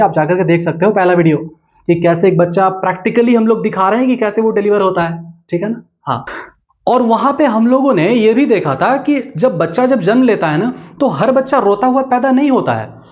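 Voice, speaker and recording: Chatty young male biology tutor, high-pitched voice, jokey and engaging. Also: darkish tone, dull audio. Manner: chatty and joking, keeps checking in with listeners. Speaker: biology teacher. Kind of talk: playful explainer lesson.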